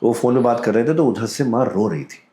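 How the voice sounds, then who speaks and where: A man with an Indian accent telling a true ghost story in a calm, deliberate way, mixing Hindi and English as a podcast guest. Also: mid-range voice. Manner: calm, deliberate, drops into quoted voices. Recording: roomy echo.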